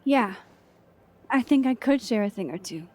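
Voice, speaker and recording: A woman's voice: on the high side, lively intonation, normal speed, a little mellow. An actress voicing a sarcastic, guarded young woman in a video game, with dry asides that sometimes drop to a whisper. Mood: grieving. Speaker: game protagonist, photography teacher.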